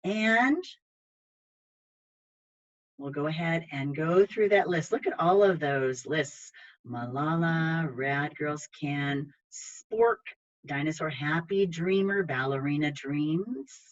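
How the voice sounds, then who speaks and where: A woman with a low voice hosts an online children's library program, speaking slowly in a chatty, polite way as she reads aloud and guides viewers through it. She is heard over a video call, so the audio is dull and lo-fi.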